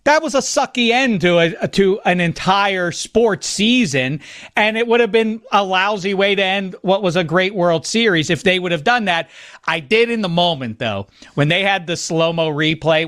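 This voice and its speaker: High-voiced wry man hosting sports talk. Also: fairly bright tone. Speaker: podcast host. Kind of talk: casual sports chat.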